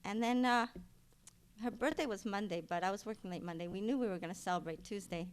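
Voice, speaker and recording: A woman's voice: mid-range voice, fast talker, clean tone. Rambling middle-aged woman giving a eulogy. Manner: rambling storytelling with many fillers and restarts; grows loud and animated at the punchlines. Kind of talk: funeral eulogy, personal anecdotes. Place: funeral service.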